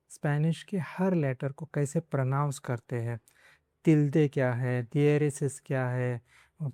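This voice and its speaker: A man's voice: on the high side, mellow, dry recording, studio quality. A man teaching a language class, explaining step by step and sounding out words syllable by syllable.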